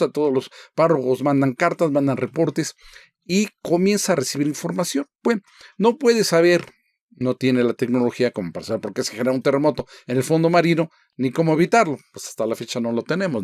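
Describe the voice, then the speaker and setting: A man lectures informally on construction history with slides, his voice slightly high, lively, a touch fast and somewhat mellow, with no room sound. He keeps it conversational, posing rhetorical questions and checking in with listeners through frequent "¿sí?" and "¿no?".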